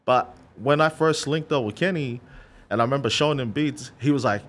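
A man's voice: mid-range voice, brisk. A man from Australia with an Australian accent, a guest DJ telling stories in a casual podcast interview in a studio. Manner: relaxed storytelling with slangy asides. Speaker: guest DJ and remixer.

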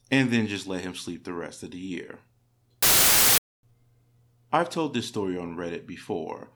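A man narrating stories read from the internet in a steady, measured way. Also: deep voice. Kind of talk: reading internet stories aloud.

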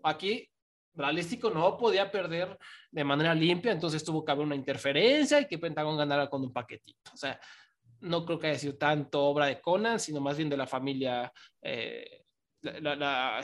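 A man, his voice sitting a little high, talks through a casual podcast breakdown. He sounds opinionated and keeps tagging his points with a quick question. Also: fairly bright tone. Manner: opinionated, often ends phrases with a questioning tag. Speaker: wrestling podcast co-host.

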